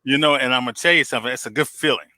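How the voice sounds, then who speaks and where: A man's voice: medium pitch, steady tone, racing, bright, forceful tone, no room sound. A man hosting an interview, speaking in an affirming, conversational way. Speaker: host.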